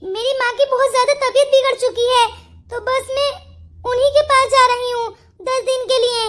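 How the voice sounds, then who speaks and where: A woman's voice: very high voice, fairly even intonation, normal speed, fairly bright tone. A woman voicing a scheming young wife in a Hindi cartoon story, pleading and sweetly insistent.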